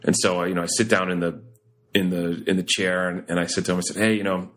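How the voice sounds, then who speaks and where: A man chatting casually on a podcast in a relaxed, conversational way, laughing easily. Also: sits low, fast, a little hiss or hum.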